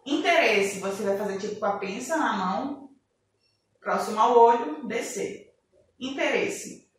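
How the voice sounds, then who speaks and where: A woman's voice: mid-range voice, lively intonation, normal speed. A woman teaching an online class, explaining signs step by step and asking rhetorical questions she then answers herself. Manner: names signs one by one while demonstrating. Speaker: sign language teacher. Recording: roomy echo from a distance, faint noise.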